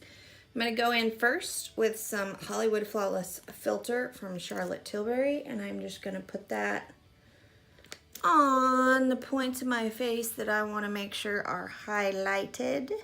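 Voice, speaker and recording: A makeup vlogger in her mid-thirties chats casually through a tutorial, tossing in self-deprecating asides. Her mid-range voice is a little slow, creaky, bright and forceful, recorded by a fixed camera at arm's length in a small room before a gray curtain.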